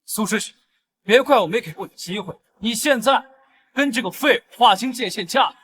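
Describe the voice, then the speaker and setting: An actor playing a scheming, fawning young man who sneers at the hero and flatters his boss. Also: sits high, moderate pace. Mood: sneering.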